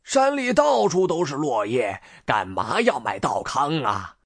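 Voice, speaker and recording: A woman's voice: rumbling low, big pitch swings, measured pace, breathy edge, no echo, studio quality, pitched below the performer's own voice, full character voice. A woman voicing a kind, doting old grandfather in a storybook reading. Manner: warm, teasing, modest.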